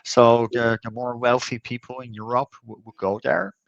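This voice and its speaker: A middle-aged man born in the Netherlands, chatting as an interview guest, with a halting way of talking full of fillers and repeated words. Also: mid-range voice, level tone, vocal fry, dry recording, highs cut off. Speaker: conference co-organizer, guest. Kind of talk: casual conversational interview.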